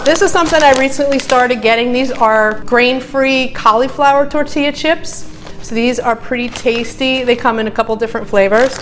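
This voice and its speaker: A woman's voice: on the high side, steady tone, normal speed, fairly bright tone. A middle-aged woman vlogging casually, talking through her grocery haul with frequent ums and uhs, first on a phone held at arm's length and then in her home kitchen. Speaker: health vlogger. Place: parking lot outdoors, then home kitchen. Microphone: phone at arm's length, then camera on a stand.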